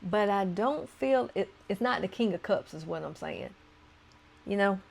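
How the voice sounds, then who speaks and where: A woman's voice: mid-range voice, animated, a little slow, vocal fry. A woman tarot reader talking casually to her viewers as she turns cards, chatty and playful, breaking into laughs between points.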